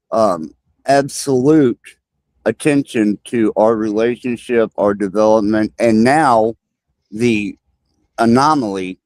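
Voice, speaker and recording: A man speaking slowly and insistently in a podcast discussion, pausing with fillers. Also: mid-range voice, a little mellow, no echo. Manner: slow, halting and insistent. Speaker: guest describing his AI companion.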